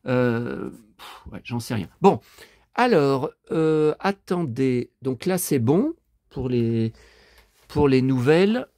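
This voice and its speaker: A middle-aged man talking to camera in a loose, rambling vlog, blunt and quick to swear, with lots of fillers and restarts. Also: mid-range voice, lively intonation, warm tone, no echo, clean studio sound. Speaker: vlogger. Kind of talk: casual rambling vlog monologue.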